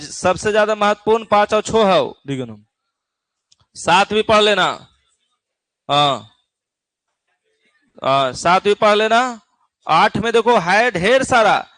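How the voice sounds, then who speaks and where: A man's voice: sits high, a bit bright, dry recording. A male physics teacher, lecturing a class in a chatty way, teasing students and often checking that they follow. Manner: keeps asking the class "theek hai na?".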